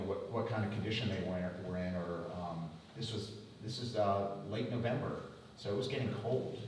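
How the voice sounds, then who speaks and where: Low-voiced middle-aged man, echoey hall. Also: a little mellow, distant mic, a little hiss or hum. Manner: halting, repeats words while recounting. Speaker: lecture speaker. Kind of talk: family storytelling at a public talk. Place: museum lecture room.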